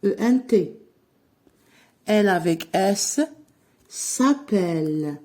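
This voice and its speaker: A woman French teacher gives a grammar lesson, dictating slowly and spelling out verb endings letter by letter. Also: mid-range voice, big pitch swings, warm tone. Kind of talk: slow classroom-style grammar lesson.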